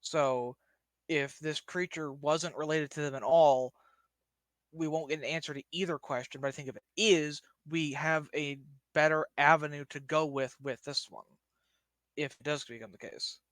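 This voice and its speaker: A man's voice: a little high, steady tone, moderate pace, fairly bright tone, no echo. Hesitant man chatting, dry close sound. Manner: hesitant, rambling, reasoning aloud. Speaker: player in a tabletop role-playing game. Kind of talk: casual game-table chat.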